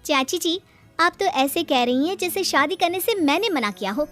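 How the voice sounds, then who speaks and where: A woman's voice: sits high, animated, moderate pace, a bit bright, soft background music, pitched above the performer's own voice. A woman playing an indignant, defensive unmarried schoolteacher daughter of about thirty in a cartoon story. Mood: hurt, protesting. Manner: indignant, protesting. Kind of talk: Hindi cartoon story acting.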